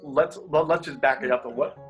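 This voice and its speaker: A pastor and coach who has a stutter appears as an interview guest in a casual conversation, energetic and animated and quick to laugh. His voice is mid-range at a moderate pace, with the highs cut off and soft music playing in the background.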